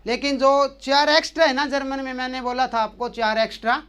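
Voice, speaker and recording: A man's voice: very high voice, little pitch movement, brisk, fairly bright tone, clean tone. A man teaching the German alphabet, patiently drilling each letter by asking a question and then answering it again and again. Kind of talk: language lesson explaining letters.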